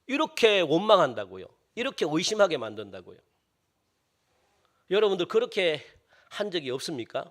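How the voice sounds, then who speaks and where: A man preaching a sermon as pastor, animated and firing rhetorical questions at the congregation. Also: on the high side, normal speed, pauses often.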